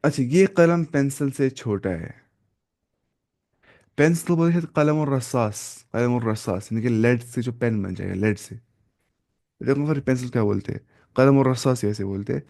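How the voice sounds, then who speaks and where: Guy teaching arabic grammar, kinda gravelly, goes over each word form again and again, fixes his slips. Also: medium pitch, darkish tone. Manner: slow and repetitive, drilling word forms with self-corrections. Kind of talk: classroom grammar lesson.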